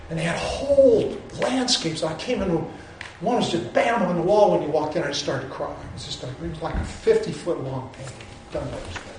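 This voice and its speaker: A man's voice: fairly high pitch, slight background noise. A man giving a digressive, musing lecture, often restarting his sentences. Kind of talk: rambling lecture. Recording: very echoey hall, from far off.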